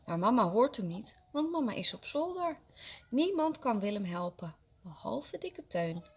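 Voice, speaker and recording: A kindergarten teacher, a woman, reading a story aloud to young children with expressive, gentle storytelling. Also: on the high side, unhurried, husky.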